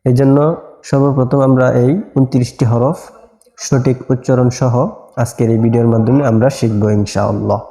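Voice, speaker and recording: A man teaching Quran letter pronunciation as a lesson, repeating each letter slowly and drawn out. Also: mid-range voice, warm tone, echoey room. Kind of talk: slow recitation lesson.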